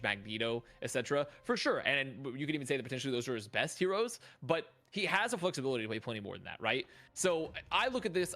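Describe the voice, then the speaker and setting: Brief: male esports caster, energetic, bright and animated, rapid delivery. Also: mid-range voice. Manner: energetic, joking, rapid analysis. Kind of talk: play-by-play and analysis commentary.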